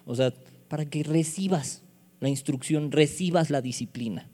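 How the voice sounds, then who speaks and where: A man's voice: fairly high pitch, normal speed, dark tone, long reverb tail. A man preaching a sermon, playful and full of rhetorical questions. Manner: playful, asks rhetorical questions, mimics voices.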